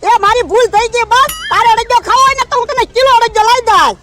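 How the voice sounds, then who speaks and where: Someone voicing a squeaky, scared old village grandpa. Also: steady tone, over music. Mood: pleading. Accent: Gujarati. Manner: pleading, fast rustic chatter. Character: meek old village man, easily frightened.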